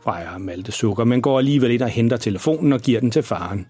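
A man narrating a children's audio story in a calm, even storytelling manner. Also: mid-range voice, slightly rough, no echo, soft background music.

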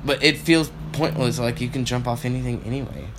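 Over music, a young man co-hosts a podcast, telling stories at a brisk clip in a medium-pitched, steady voice. His casual chat rambles, full of fillers and profanity.

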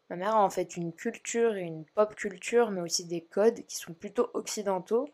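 A woman host narrates her podcast from a written script. She speaks at an ordinary pitch, in a calm, even and measured way.

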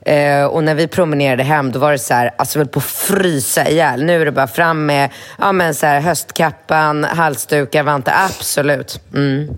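A woman co-hosting a podcast from home, telling stories in a casual chat with animated, lively quoted asides. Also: sits low, few pauses. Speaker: podcast co-host. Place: at home in her apartment.

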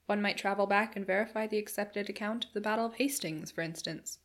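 A woman's voice: medium pitch, brisk, fairly bright tone, natural voice. A woman voicing a dry, dismissive Victorian male psychologist.

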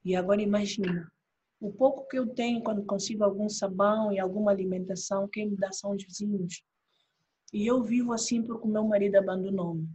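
A woman with an Angolan Portuguese accent, an interview guest and trainer, telling an emotional story with lively quoted dialogue. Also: medium pitch, brisk, slightly rough, lo-fi sound.

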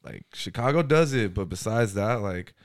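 Low-voiced joking young man. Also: lively intonation, normal speed, no room sound, clean studio sound. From Southern California. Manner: joking, slangy, swears freely. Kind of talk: casual chat.

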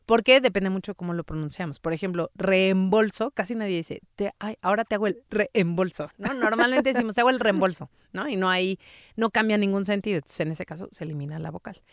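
A woman explains grammar in relaxed conversation, patient and teacherly. Her voice is smooth and clear, recorded dry and close with no room around it. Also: medium pitch, quick pace, no room sound. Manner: patient, teacherly, gives everyday examples. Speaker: spelling and grammar expert guest. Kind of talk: casual explanatory chat.

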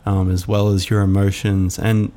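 A man hosting a reflective solo podcast, musing aloud in a halting way with many fillers. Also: on the low side, little pitch movement, dark tone. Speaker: podcast host.

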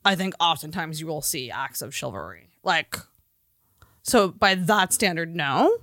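A woman's voice: deep voice, lively intonation, unhurried, a bit bright, no echo, clean studio sound. A woman co-hosting a podcast in casual chat, opinionated and fond of filler words. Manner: chatty, opinionated, uses "like" often. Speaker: podcast co-host.

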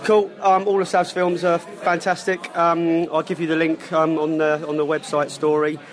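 A man's voice: a little high, normal speed. A man with a wheezy, chesty voice from a cough, hosting a casual podcast. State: lingering cough from a cold. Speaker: podcast host. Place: busy pub. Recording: lively pub chatter behind.

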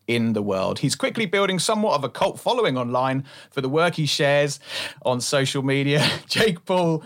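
A man's voice: on the high side, lively intonation, normal speed, a bit bright. A man hosting a podcast interview in a casual, conversational style. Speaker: podcast host.

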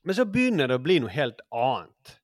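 A man in his forties with a mid-pitched voice, chatting on a podcast. He muses aloud and rambles with lots of fillers. The recording is close and dry. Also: very animated, dry recording. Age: 40s. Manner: musing, rambling, many fillers. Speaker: podcast host. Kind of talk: casual chat.

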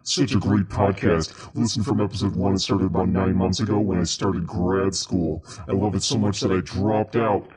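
A man reads listener reviews in a deliberately spooky voice. His tone is low and airy, with a lot of breath in it. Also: steady tone, a little mellow, husky, rough recording. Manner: spooky put-on reading voice. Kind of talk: reading listener feedback aloud.

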